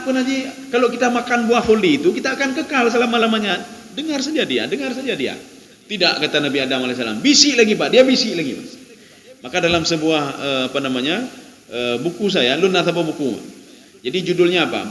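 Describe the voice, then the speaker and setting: A man with an Acehnese accent preaches in a relaxed, conversational way and keeps turning to his listeners. His voice sits high for a man. The sound rings through a large mosque hall with a long reverb tail. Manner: peppers lines with direct address to listeners, repeats phrases. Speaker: Islamic preacher. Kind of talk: conversational sermon.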